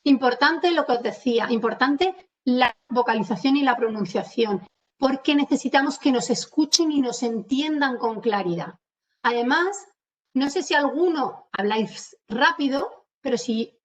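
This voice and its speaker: A woman's voice: high voice, lively intonation. A woman with an Andalusian Spanish accent giving an online lecture on communication, explaining and addressing her audience directly. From Andalusia, Spain. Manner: explanatory, addresses audience directly, slows to stress key words. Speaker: webinar presenter on communication skills. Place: home. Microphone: computer mic on a video call. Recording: distant, dull webinar audio.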